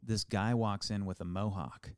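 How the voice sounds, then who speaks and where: A man's voice: fairly low pitch, fairly even intonation, normal speed, clean tone, dry recording, clean studio sound. A man in his forties co-hosting a podcast, chatting casually with playful teasing and rambling restarts. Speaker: podcast co-host. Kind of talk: casual chat.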